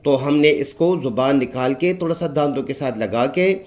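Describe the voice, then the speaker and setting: A man with a Pakistani Urdu accent giving a patient recitation lesson, explaining each letter and repeating it slowly and drawn out. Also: mid-range voice, darkish tone. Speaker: Quran recitation teacher.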